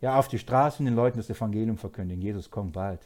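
A man preaching a sermon, moving from quiet asides to loud, emphatic passages and laughing often. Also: lowish voice, fast talker.

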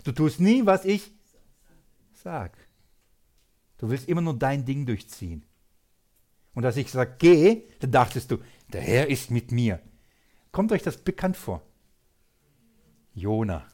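A man teaching an informal Bible study, lively and chatty, laughing often and talking straight to his listeners. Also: mid-range voice, unhurried, long pauses. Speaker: preacher.

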